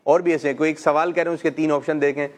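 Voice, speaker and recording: Middle-aged guy hosting a kids call-in show, gentle teacher vibe, slightly high voice. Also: level tone, background noise. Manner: gentle, coaxing questions, frequent "mashallah". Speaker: children's show host.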